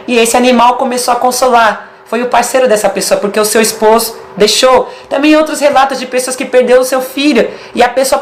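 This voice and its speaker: A woman's voice: high voice, slight background noise. A woman with a Brazilian Portuguese accent giving a casual video sermon, emphatic and stacking short repeated phrases.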